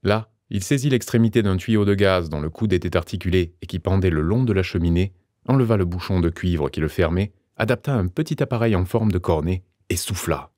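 A man narrating an audiobook in a measured, expressive reading. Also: low voice, no room sound, clean studio sound. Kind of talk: scripted narration.

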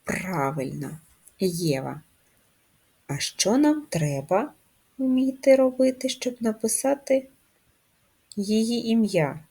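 Her voice mid-range, warm and expressive, a teacher leads a first-grade handwriting lesson. She speaks slowly and patiently to the children, articulating each instruction clearly and spelling it out.

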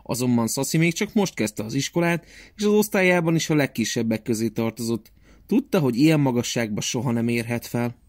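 A man reading a children's story aloud in an expressive, animated way. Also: mid-range voice, no room sound, clean studio sound.

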